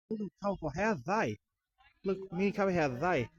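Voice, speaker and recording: A man with an Australian accent, vlogging casually at an outdoor farm, excited and chatty, ending lines with "eh". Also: high voice, a little hiss or hum. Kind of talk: casual walking vlog. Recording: dull lo-fi sound, crowd and farm animals behind.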